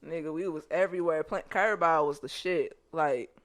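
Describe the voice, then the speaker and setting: A woman hosting a podcast, telling childhood stories in a casual, animated way and laughing often. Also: low-pitched, brisk. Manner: animated, joking storytelling with lots of laughter. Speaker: podcast host. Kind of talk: casual chat, reminiscing.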